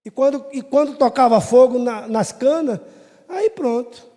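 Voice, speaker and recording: A middle-aged man, a pastor, preaching a sermon as an animated storyteller who acts out family scenes. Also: very high-pitched, unhurried. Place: church hall. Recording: echoey church hall.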